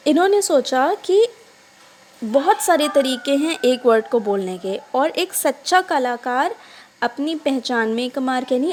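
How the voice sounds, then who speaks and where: Woman teacher, high voice, unhurried English reading with Hindi explanations, faint noise behind. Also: darkish tone. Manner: reads English lines slowly, then explains them in Hindi; addresses the children, checking they follow. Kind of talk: reading a story aloud and explaining it in a class.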